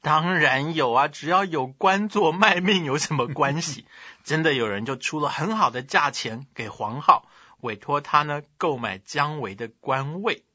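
A man's voice: on the high side, a little slow, bright, forceful tone, slightly rough, no room sound, lo-fi sound. A man telling a comic historical story in crosstalk style, chuckling as he narrates.

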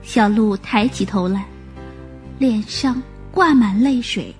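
A woman gently narrating a children's story. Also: medium pitch, takes it slowly, faint music behind.

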